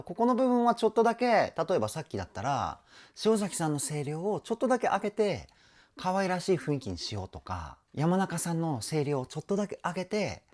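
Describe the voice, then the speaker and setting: A man's voice: fairly high pitch, a little mellow. A man working as a vocal trainer, reacting to a song with enthusiasm and explaining singing technique in casual talk. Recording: music playing in the background.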